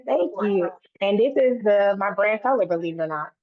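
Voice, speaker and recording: This woman's medium-pitched voice is animated and at normal speed as she speaks earnestly in a casual interview, repeating phrases and starting over. The recording is dry and tinny, like a phone line.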